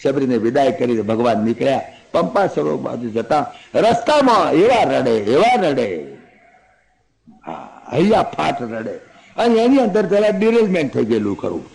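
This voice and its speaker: A man's voice: medium pitch, sing-song, moderate pace, creaky, a little mellow, poor audio. A man giving a scripture discourse, telling stories with humor and chanting verses. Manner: humorous storytelling, mixes in English. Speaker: religious discourse speaker.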